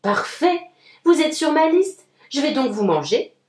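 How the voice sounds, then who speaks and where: A hungry young wolf with a soft heart grumbles through a storybook, as a woman reads him out. The voice rings in an echoey room. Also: high-pitched, very animated, measured pace, a little hiss or hum. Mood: grumbling.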